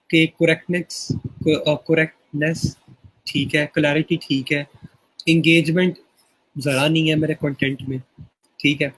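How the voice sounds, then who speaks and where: A man's voice: on the high side, slightly rough, rough recording. A man teaching an online class over a screen share. He explains each step and keeps checking in with his students. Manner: explanatory, checks in often with "theek hai". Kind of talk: screen-share tutorial lesson.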